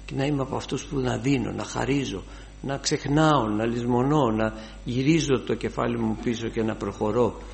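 An older man preaching a sermon, fervent, his voice rising to loud exclamations. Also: medium pitch, gravelly, slight background noise.

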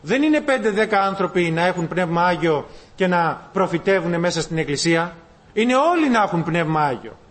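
Man, high voice, preaching a sermon, animated, loud and soft by turns. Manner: animated preaching, addresses listeners as brothers, swings between loud and soft. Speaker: pastor.

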